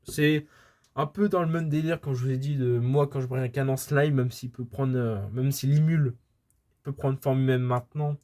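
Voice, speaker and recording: A man's voice: mid-range voice, steady tone, normal speed, dark tone. A man chatting casually about his manga purchases, rambling with many hesitations and restarts, filming at home. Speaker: manga collector vlogger. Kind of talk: casual haul video chat. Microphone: camera filming books, speaker off-frame.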